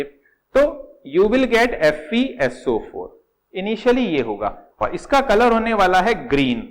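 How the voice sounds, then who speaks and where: High-voiced male chemistry teacher. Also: poor audio. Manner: explains step by step, calls students "beta", repeats key words. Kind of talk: classroom lecture at a whiteboard.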